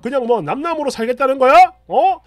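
A man voicing an angry, defensive young husband who shouts indignantly in a storytelling reading. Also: extremely high pitch, lively intonation, fairly quick, no echo, clean studio sound, pitched above the performer's own voice. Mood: shouting.

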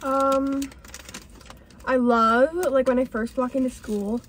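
A woman's voice: high-pitched, fairly even intonation, takes it slowly, a little hiss or hum. A teenage girl chatting casually in a car, rambling with lots of fillers. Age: teens. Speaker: co-host. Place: inside a car.

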